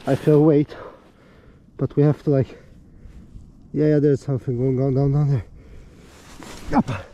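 An excitable man narrating his ice fishing out on a frozen lake, out of breath and talking straight to his viewers. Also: medium pitch, a little slow, slight background noise. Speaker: fishing vlogger. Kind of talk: excited live commentary while ice fishing.

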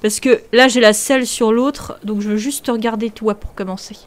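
A young woman hosting a video game, commenting excitably, often shrieking and laughing. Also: a little high, normal speed. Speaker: gaming video host.

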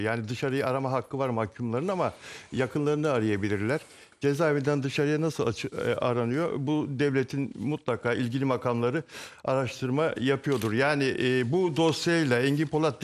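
An older man commenting as a panelist on a live TV studio show, explaining in a halting, deliberate way. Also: mid-range voice.

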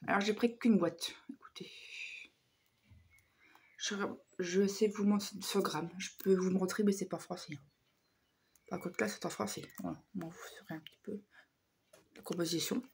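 A woman vlogger with a hoarse voice chatting casually through a shopping haul, hesitant and full of fillers. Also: on the low side, steady tone, moderate pace, long pauses, a little mellow, a little hiss or hum.

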